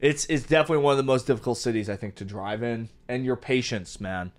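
A man with a medium-pitched voice talks as a podcast co-host. His delivery is casual and conversational, sprinkled with slang and the odd swear word. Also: quick pace. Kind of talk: casual chat.

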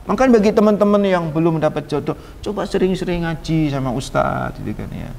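A man's voice: on the high side, expressive, fairly quick, creaky, a little mellow. A man giving a sermon, telling a story animatedly and acting out its dialogue with chatty asides. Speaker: religious teacher. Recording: reverberant hall sound.

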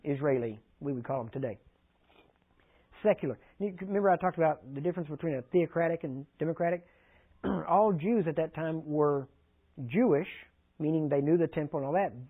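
A man preaching in a conversational teaching style, often pausing to check that his listeners follow. His voice sits high for a man. The recording is thin and tinny, like an old phone line. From Texas. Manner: conversational, asks the audience frequent check-in questions. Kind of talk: sermon teaching.

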